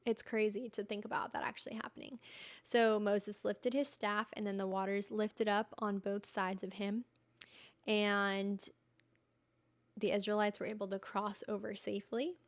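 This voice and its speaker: A woman's voice: medium pitch, flat delivery, normal speed. Chatty enthusiastic woman podcast host. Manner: chatty and enthusiastic, retelling scripture in everyday words. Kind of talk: casual Bible teaching podcast.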